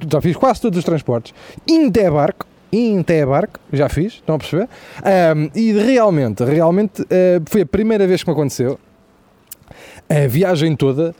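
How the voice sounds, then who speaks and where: A young man with a European Portuguese accent telling a profane, animated comic story as the host of a stand-up comedy show. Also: on the high side, dry recording.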